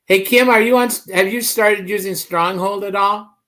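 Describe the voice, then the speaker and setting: A higher-voiced man hosting a casual chat. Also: normal speed, sharp tone. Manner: rambling storyteller with many restarts. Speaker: host.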